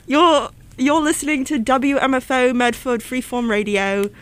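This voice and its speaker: A woman's voice: sits high, fairly even intonation, a little slow. A young woman hosting a college radio show, chatting playfully with lots of fillers. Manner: playful, filler-heavy, bubbly. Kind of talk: casual radio chat.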